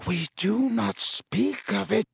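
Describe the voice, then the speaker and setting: A man voicing an ancient, huge male spider with a croaking, grave and menacing voice, raised in pitch and strange in tone, for an audiobook. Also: lively intonation, slow, no room sound, clean studio sound, heavily acted. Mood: fierce.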